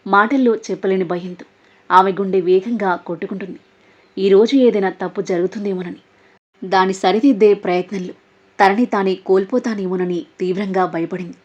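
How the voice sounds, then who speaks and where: A woman narrating a romance story serial in an expressive, dramatic way. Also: medium pitch, moderate pace. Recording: dull lo-fi audio.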